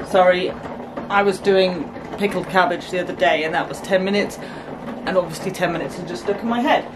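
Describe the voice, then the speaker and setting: A woman in her thirties talks through her kitchen work in a relaxed, chatty way, explaining each step as she goes. Her voice sits at an ordinary middle pitch, picked up by a camera mic on the counter with clear kitchen noise behind her. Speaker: homestead vlogger. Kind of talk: casual kitchen chat. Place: small home kitchen, indoors. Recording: noisy kitchen camera audio.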